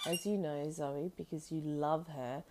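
A woman podcast host chatting casually and intimately to her pet bird, doting and rambling, with soft tag questions. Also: low voice, steady tone, measured pace, noisy background.

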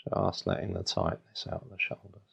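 Low, gravelly man guiding a meditation. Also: very animated, a bit bright, muffled recording. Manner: soothing, unhurried instruction in short phrases with long pauses. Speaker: meditation guide. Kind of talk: guided meditation.

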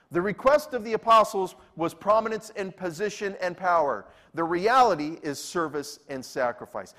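Guy pastor giving a sermon, acts out the quotes, repeats stuff for punch. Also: fairly high pitch. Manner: animated storytelling, acts out quoted lines; repeats key phrases for emphasis.

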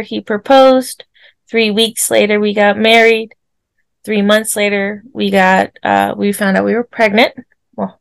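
A woman in her forties telling a personal story on a podcast, animated and laughing often as she acts out what people said. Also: mid-range voice, gravelly, no echo. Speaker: podcast guest. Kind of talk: casual storytelling.

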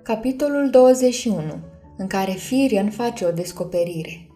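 Mellow-voiced woman reading a storybook. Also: medium pitch. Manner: calm, measured storytelling. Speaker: audiobook narrator. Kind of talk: storybook narration. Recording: soft music underneath.

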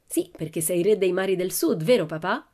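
A woman reading an audiobook and voicing a boastful, exuberant nine-year-old girl with loud, playful exclamations. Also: fairly low pitch, lively intonation, a little fast. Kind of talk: audiobook character voice.

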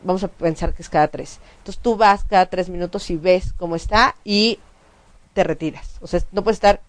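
A woman co-hosts a casual talk show with a slightly low voice. She explains things in an animated way, restarting her sentences and piling up asides as she goes. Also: normal speed. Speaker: co-host. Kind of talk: casual chat.

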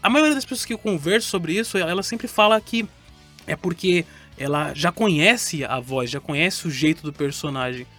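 A man's voice: on the high side, lively intonation, moderate pace, sharp tone, faint music behind. A man with a Brazilian Portuguese accent hosting a casual podcast chat, rambling and correcting himself as he goes. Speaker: podcast host.

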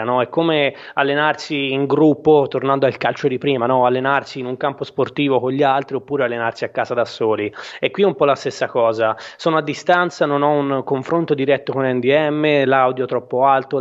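A man hosting a casual live radio show from a small room at home, talking in a halting, rambling, self-correcting way. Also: medium pitch, fairly even intonation. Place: small room at home, not a proper studio. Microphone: home microphone with headphones. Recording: dull small-room home broadcast, slight echo.

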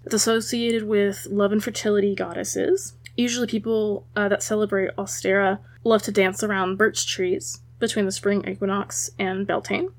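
A woman with a mid-range voice presents an informal tutorial. She talks casually, as a host would, and guides the listener with gentle, instructive phrasing. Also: medium pitch. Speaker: host of a spiritual how-to episode.

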